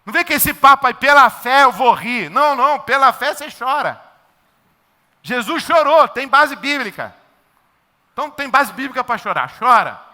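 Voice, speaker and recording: High, bright Brazilian preacher. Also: male voice, big pitch swings, normal speed, long reverb tail. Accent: Brazilian Portuguese. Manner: emphatic, repetitive, conversational preaching. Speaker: pastor. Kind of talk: sermon.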